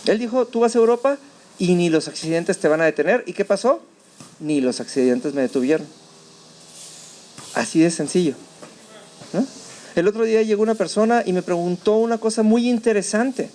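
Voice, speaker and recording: A man with a Mexican Spanish accent preaching a sermon, telling a story with animated, acted-out voices. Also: sits high, moderate pace, pauses often, a little hiss or hum. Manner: animated storytelling, acting out his own shouts. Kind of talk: sermon testimony. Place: church.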